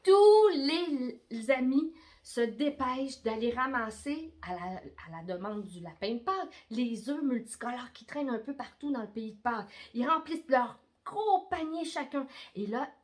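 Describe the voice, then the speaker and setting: Animated Québécois mother telling a story. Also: high voice, normal speed. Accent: Québécois French. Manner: animated, coaxing listeners. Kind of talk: improvised storytelling.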